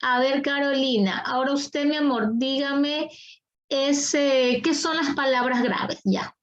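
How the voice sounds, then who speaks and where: A woman's voice: high voice, fairly even intonation, slow, lo-fi sound. A woman teaching an online class, patient and coaxing, repeating her questions to the students over a video call.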